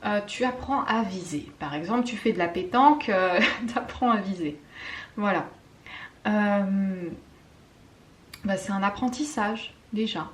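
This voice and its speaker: A French woman giving a spiritual card-reading guidance, talking softly and intimately, often slipping into a whisper, with hesitant fillers and self-mocking laughs. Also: medium pitch. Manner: slow, soft and intimate, often dropping to a whisper. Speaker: tarot card reader.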